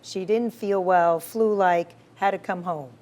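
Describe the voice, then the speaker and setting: A woman doctor answers interview questions in a somewhat low voice. She explains her cases with steady confidence and keeps affirming with a quick "right.". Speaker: physician, guest.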